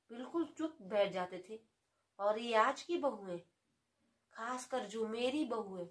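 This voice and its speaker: A woman's voice: fairly high pitch, natural voice. An actress playing a gossipy older mother-in-law who complains about her daughter-in-law in a comic sketch. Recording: roomy echo.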